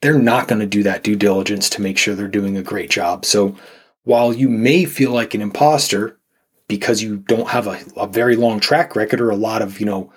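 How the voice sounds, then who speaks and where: A man's voice: on the low side, fairly even intonation, moderate pace, breathy edge. A man, a nutrition coach guest on a podcast, talking casually and rambling with lots of fillers and restarts.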